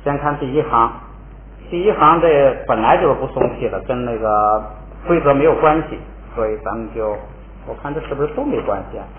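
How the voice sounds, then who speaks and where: A man's voice: mid-range voice, fairly quick. A male language teacher giving a recorded spelling lesson, patiently repeating syllables for students to read along. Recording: tinny, echoey, lo-fi recording with faint hiss.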